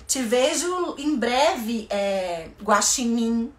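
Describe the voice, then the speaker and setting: A woman's voice: on the high side, animated, extremely slow, echoey room. A woman with a Brazilian Portuguese accent, an English teacher speaking casually and expressively to parents about phrases for children.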